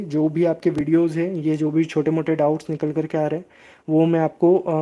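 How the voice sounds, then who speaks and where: A man's voice: a little high, warm tone. A man hosting a crypto channel, explaining steadily in a live stream and answering viewer chat, with frequent hesitation sounds.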